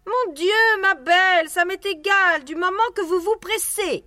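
Shrill, bossy farmer's wife, very high, bright, storybook reading. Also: male voice, unhurried, dry recording, studio quality, full character voice. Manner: shrill, commanding falsetto.

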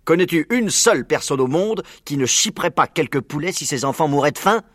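A man reading a storybook aloud and voicing Mr Fox, a clever, confident fox father, in a lively, emphatic, raised voice. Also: a little high, brisk, no room sound, clean studio sound, voice pushed up. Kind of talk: audiobook reading.

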